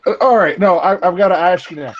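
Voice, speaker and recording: A man's voice: sits high, fast talker, slight background noise. Male guest, teasing and jokey, muffled lo-fi call sound. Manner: teasing, joking, stammering starts. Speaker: guest on a live stream. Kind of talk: casual chat. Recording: dull lo-fi call audio.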